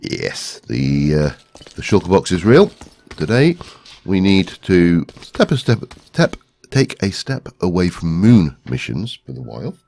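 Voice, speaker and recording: A man with a stuffy head cold hosts a gaming video, rambling through casual commentary and talking to himself as he searches, with lots of ums. His voice is low-pitched, creaky, and a little mellow, a bit slow with big pitch swings.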